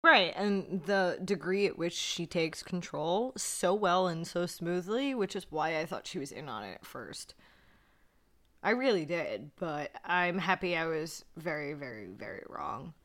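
A woman co-hosts a casual podcast with a bright, sharp-edged voice. She is eager in conversation, quick to agree with her partner and jump in with her own take. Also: fairly low pitch, expressive. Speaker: podcast co-host. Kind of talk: casual podcast chat about horror films.

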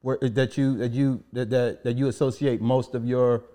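A man's voice: mid-range voice, flat delivery, normal speed, dark tone. Playful man hosting a podcast chat. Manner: playful, steers the talk back to the process. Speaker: podcast host. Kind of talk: casual interview chat.

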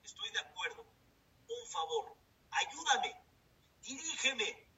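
A man voicing a hot-tempered young son who pleads with his father, in a high voice. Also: very animated, slow pace, sharp tone, exaggerated voice. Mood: pleading. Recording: distant dull recording with rumble.

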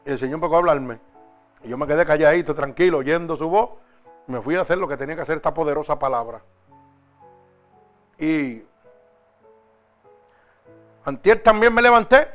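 A man preaching a sermon and giving his own testimony, moving between loud exhortation and hushed storytelling. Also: fairly high pitch, lively intonation, moderate pace, pauses often, faint music behind.

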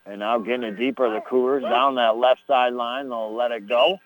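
A man calling a high school soccer match on AM radio in a folksy, conversational way. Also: steady tone, brisk, poor audio. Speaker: play-by-play sports commentator.

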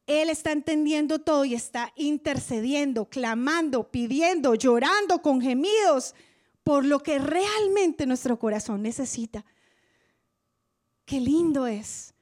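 Female preacher, high-pitched, dry close sound; passionate church sermon delivery with sudden hushed drops. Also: expressive, a little slow, no room sound. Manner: impassioned, swings from loud to hushed.

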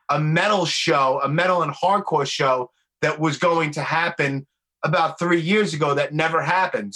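A man with a Brooklyn accent hosting a podcast, chatting casually and bluntly with plenty of slang and swearing. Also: on the high side. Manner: blunt, swearing, animated storytelling full of slang. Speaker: podcast host. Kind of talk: casual conversational chat.

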